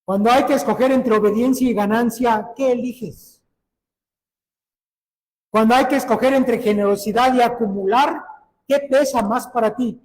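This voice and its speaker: A man's voice: extremely high pitch, steady tone, normal speed, pauses often, long reverb tail, low-quality recording. A man preaching a sermon in an earnest manner, asking his listeners direct questions.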